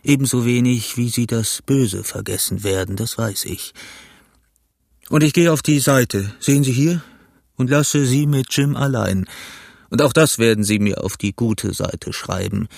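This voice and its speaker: A man's voice: mid-range voice, measured pace, gravelly, a little mellow, no room sound, clean studio sound. A man reading the part of a scheming male sea cook in an audiobook, with a wheedling, self-justifying manner. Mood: pleading.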